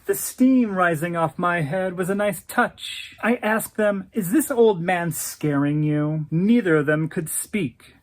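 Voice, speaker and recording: A man's voice: high voice, slow, few pauses. A man voicing a flamboyant, self-adoring male dancer who calls himself a queen, talking with sassy grandeur.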